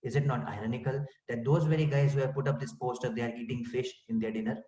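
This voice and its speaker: A man's voice: mid-range voice, fairly even intonation, fast, warm tone. A man giving an inspirational spiritual talk, asking rhetorical questions and saying "you know" often. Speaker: spiritual speaker. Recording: dull far-off roomy recording.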